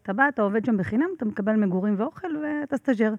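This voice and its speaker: A woman, a podcast guest, telling a story in a casual interview, animated and laughing often, with lots of fillers. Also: a little high, no echo, narrow, tinny audio.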